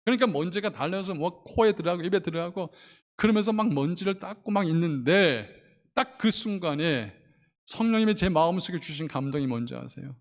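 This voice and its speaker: A man's voice: sits high, expressive, fairly quick. A male pastor preaching a sermon in a church sanctuary, telling a story with fervor and pressing his points with rising emphasis.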